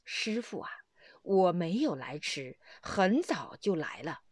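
Brief: a desperate young man, voiced by a woman storyteller, humble and pleading, with a lively pitch. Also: slow pace, dry recording, studio quality, heavily acted.

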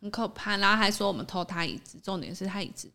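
A woman's voice: mid-range voice, lively intonation, quick pace, sharp tone. A young woman co-hosting a podcast in casual chat, telling stories animatedly and laughing often. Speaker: podcast co-host.

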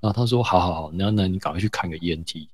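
A man from Taiwan telling a story in a relaxed, casual podcast chat, with many fillers. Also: sits low, rapid-fire, husky, dry recording. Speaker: podcast co-host.

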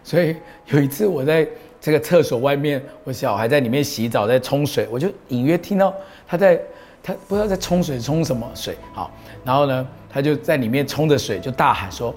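A man's voice: medium pitch, animated, a little fast, a little mellow, faint music behind. A middle-aged man, a pastor giving an earnest, proclaiming talk that he mixes with personal stories. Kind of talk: preaching talk on a show.

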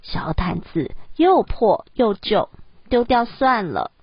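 A woman's voice: on the high side, sing-song, slow, breathy edge, no echo, lo-fi sound, heavily acted. A woman reading the lines of a practical, blunt father in a children's story.

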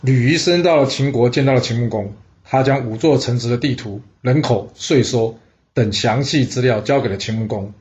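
Male storyteller of mid pitch, chatty and exclaiming, dull lo-fi recording. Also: moderate pace, a little mellow. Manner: chatty, asides to the listener, exclaims "哇". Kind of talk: casual historical storytelling.

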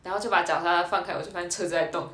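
A young woman, co-hosting a podcast and telling a story in casual chat, animated and laughing often. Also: lowish voice, very fast. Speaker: podcast co-host. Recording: roomy echo.

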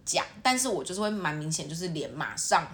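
Lively, fast-talking Taiwanese woman. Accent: Taiwanese Mandarin. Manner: animated, acts out quoted lines in a higher voice. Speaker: podcast co-host. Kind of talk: casual chat.

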